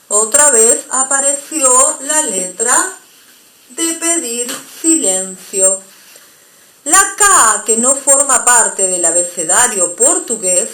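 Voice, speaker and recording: A woman's voice: a little high, a bit bright, echoey room, slight background noise, rough recording. A woman teaching a language lesson, explaining patiently and checking in with her students. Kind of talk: recorded online language lesson.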